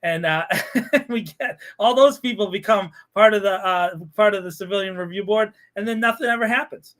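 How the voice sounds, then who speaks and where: High-voiced man ranting sarcastically. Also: normal speed. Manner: animated, sarcastic ranting with frequent laughter. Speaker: podcast host. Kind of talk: casual podcast chat.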